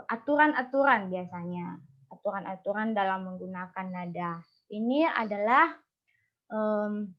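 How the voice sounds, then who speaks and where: A young woman tutors over a video call, talking each step through patiently with plenty of fillers. Her voice sits a little high. The audio is dull and lo-fi, like a compressed call. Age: young adult. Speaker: Mandarin tutor.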